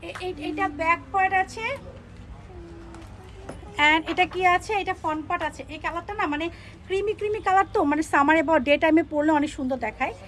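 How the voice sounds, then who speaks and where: A young woman selling clothes on a live stream, pitching each dress with pushy repetition and English words mixed in. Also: a little fast, fairly bright tone. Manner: repeats phrases, pushy upbeat selling, mixes English words. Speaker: online clothing seller.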